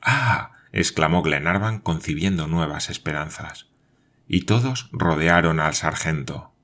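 Male narrator, audiobook novel reading, measured delivery, deep voice. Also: fairly bright tone.

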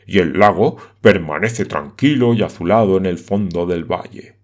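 A man's voice: low voice, normal speed, a little mellow. A man voicing a proud, poetic older uncle in an audiobook, earnest and declaiming.

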